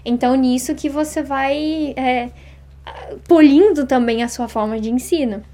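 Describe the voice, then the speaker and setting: A woman in her thirties from Brazil, chatting as an interview guest, talking fast and acting out little quoted exchanges. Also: high-pitched, mellow. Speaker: interview guest, Japanese teacher. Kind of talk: casual interview chat.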